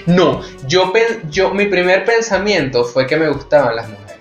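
The lo-fi recording catches a man's high, expressive voice moving at a moderate pace. Hosting a candid, casual conversation in a Venezuelan Spanish accent, he tells his stories openly and animatedly while faint music plays in an echoey room.

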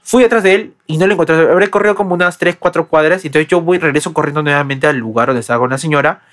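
Young Peruvian man, quick and animated storyteller, slightly high voice, good for a casual podcast read. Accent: Peruvian Spanish. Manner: fast, animated anecdote-telling with many restarts. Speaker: podcast co-host.

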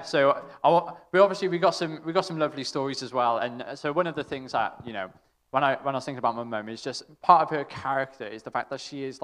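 A young man sharing a halting, affectionate story, with many restarts and laughs. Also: medium pitch, a bit bright. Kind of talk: casual storytelling in a tribute. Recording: long reverb in a hall.

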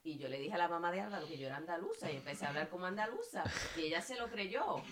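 Low-voiced woman telling stories. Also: quick pace, background noise. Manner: animated, playful storyteller who mimics voices. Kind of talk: casual storytelling.

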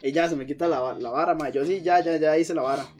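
A man's voice: on the high side, fast talker, darkish tone, faint music behind. A young man with a Costa Rican accent telling a rambling, slangy story in casual chat. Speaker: storyteller guest.

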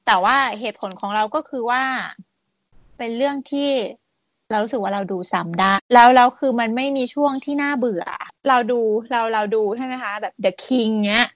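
A woman's voice: on the high side, moderate pace, dry recording, dull audio. A woman in her twenties, a guest chatting casually as an enthusiastic, talkative fan. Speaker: podcast guest, fan page admin. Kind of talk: casual chat.

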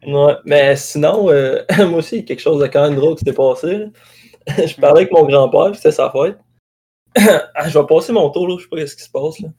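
A man's voice: fairly high pitch, brisk, breathy edge. A young man with a Québécois accent hosting a podcast, telling casual stories and laughing often. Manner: laughs often, relaxed storytelling. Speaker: podcast host. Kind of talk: casual chat.

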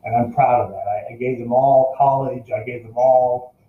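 A man's voice: mid-range voice, fairly even intonation, moderate pace. An older man talking casually to his viewers, earnest and encouraging, often repeating and restarting his words. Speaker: vlogger addressing viewers. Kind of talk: casual talk to camera. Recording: roomy, slightly dull recording.

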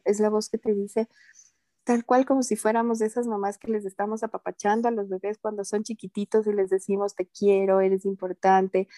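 A woman guest on a podcast, talking in a calm, earnest and gently reassuring way about spiritual matters. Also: medium pitch, dry recording. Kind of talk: casual interview talk.

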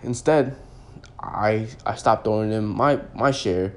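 A man's voice: lowish voice, slow pace, slight background noise. A young man in his twenties, a podcast host, telling a personal story in a loose, rambling way full of "like" and restarts. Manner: rambling, heavy use of "like" and restarts.

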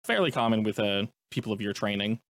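A man's voice: on the low side, lively intonation, fast, fairly bright tone, no echo, studio quality. A man working as a game master, improvising descriptive narration and explaining the rules in a conversational way.

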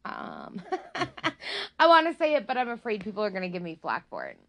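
A woman chats casually as a guest, giggly and quick to poke fun at herself. Her pitch swoops up and down in a very animated way. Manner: giggly, self-deprecating. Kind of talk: casual chat.

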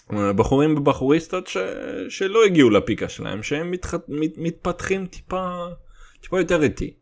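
A young man with a Russian accent in his Hebrew, rambling casually and comedically in crude slang, swearing and dropping in English words. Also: mid-range voice. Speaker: solo host.

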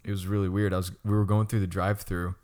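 A man's voice: low-pitched, level tone, fast talker, darkish tone. A young man co-hosting a casual chat, rambling with lots of stammered restarts and frequent laughter. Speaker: podcast co-host.

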